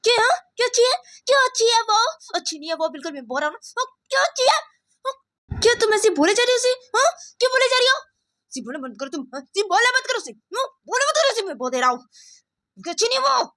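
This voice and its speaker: A woman's voice: very high-pitched, big pitch swings, quick pace, bright, forceful tone, voice pushed up, full character voice. A woman voicing a jealous, possessive young woman in a told story, talking in an insistent, scolding way. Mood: jealous, angry. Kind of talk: storytelling with acted voices.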